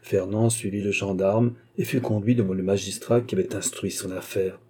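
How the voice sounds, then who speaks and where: Brief: male audiobook narrator, dark mellow voice, steady dramatic reading. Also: on the low side, moderate pace, slightly rough. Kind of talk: scripted narration.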